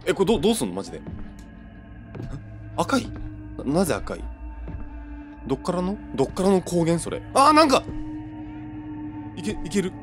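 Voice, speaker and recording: A man's voice: fairly high pitch, huge pitch swings, quick pace, long pauses, a little mellow, faint music behind. A young man giving let's play commentary on a horror game, jumpy and stammering as he talks to himself. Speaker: gamer playing a horror game.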